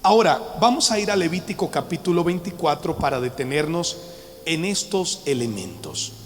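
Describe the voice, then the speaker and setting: A man's voice: a little high, expressive, moderate pace, a little hiss or hum. A man preaching a Bible teaching to a live congregation, emphatic and calling on the listeners to respond. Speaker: pastor teaching a Bible study. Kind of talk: sermon-style Bible teaching. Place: church hall with a live audience. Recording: long hall reverb with faint background music.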